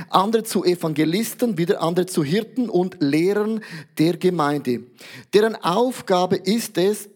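High-voiced pastor preaching. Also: male voice. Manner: lively preaching with examples and English loanwords. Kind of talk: sermon.

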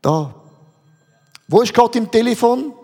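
A man with a Swiss German accent delivers a sermon, firing rhetorical questions at his congregation. His voice sits high. It carries a long reverb from a large church hall. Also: a little slow. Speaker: pastor.

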